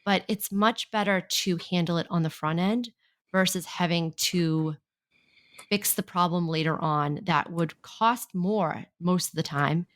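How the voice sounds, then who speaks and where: A woman's voice: fairly low pitch, measured pace, a bit bright, no room sound. A woman with a Boston accent co-hosting a business podcast, talking in an upbeat, enthusiastic way. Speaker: podcast co-host. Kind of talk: casual podcast conversation.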